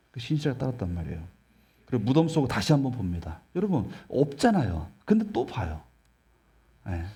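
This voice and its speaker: A male pastor preaching a sermon in an emphatic, animated way, often putting questions to the congregation. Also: mid-range voice.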